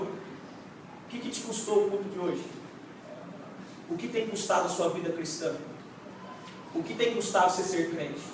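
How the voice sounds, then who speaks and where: A man's voice: high voice, noisy background. A male pastor preaching a dramatic sermon at a church service. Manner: dramatic, swings from quiet to shouting. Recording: echoey church hall, distant mic.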